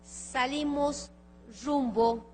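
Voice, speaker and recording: Fervent high-voiced woman preacher. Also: steady tone, drawn-out words, a little mellow, a little hiss or hum. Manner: fervent, emotional storytelling. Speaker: preacher giving a testimony. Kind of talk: sermon testimony. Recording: long reverb of a large hall.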